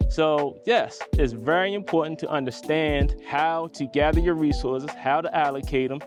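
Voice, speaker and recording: A man co-hosting a podcast, explaining and summing up points in a steady, explanatory way. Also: fairly high pitch, normal speed, over music. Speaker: podcast co-host. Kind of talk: casual conversational discussion.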